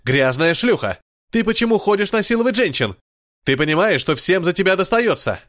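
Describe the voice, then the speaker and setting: A man voicing Ragen, a violent, hot-tempered male protector who snarls and shouts fast, in an audiobook. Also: a little high, lively intonation. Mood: furious.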